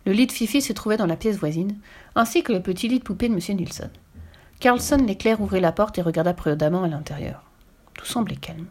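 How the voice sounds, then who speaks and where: A woman reads a children's story aloud in a lively, expressive way. Her voice sits at a middle pitch, and she tells the tale with animated storytelling. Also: brisk.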